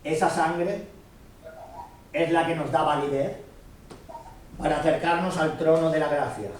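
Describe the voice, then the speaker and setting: A man, teaching the Bible to a gathered congregation. His voice sits high for a man, and he keeps stopping to check that everyone follows. He is picked up from a distance in a very echoey room. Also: measured pace, a little hiss or hum. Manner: earnest teaching, checks the listeners often understand.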